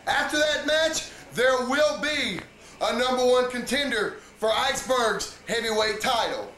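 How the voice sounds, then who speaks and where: A man's voice: extremely high pitch, measured pace, sharp tone, a little hiss or hum. A man cutting an emphatic, confrontational wrestling promo as a show official announcing matches in an arena. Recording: echoey arena sound.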